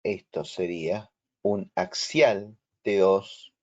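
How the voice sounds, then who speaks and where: Male instructor, Rioplatense Spanish accent, slow and explanatory, lower voice, muffled video-call audio. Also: animated, darkish tone. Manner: slow, explanatory, checks understanding. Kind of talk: online lecture.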